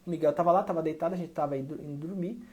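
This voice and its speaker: A man's voice: a little high, racing, warm tone. A man talking straight to camera as a parenting educator, conversational and often checking in with short tag questions. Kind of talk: direct-to-camera advice talk.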